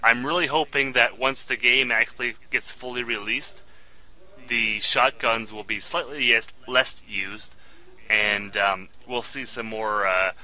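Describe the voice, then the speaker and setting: A man's voice: mid-range voice, fairly even intonation, unhurried, pushed and bright, low-quality recording. A man hosting a casual gaming podcast, talking with frequent fillers and small chuckles between points.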